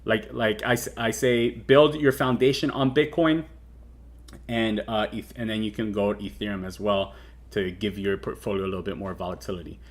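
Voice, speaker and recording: A man in his thirties hosts a casual crypto livestream, rambling loosely with lots of fillers and restarts. His voice is fairly low in pitch and he talks at a normal speed.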